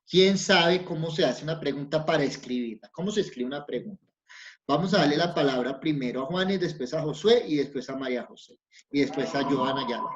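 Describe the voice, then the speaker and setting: A man teaching an online class to young children, patient and encouraging, asking lots of questions. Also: fairly high pitch. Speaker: primary school teacher. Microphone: video call. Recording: dull lo-fi sound, faint noise.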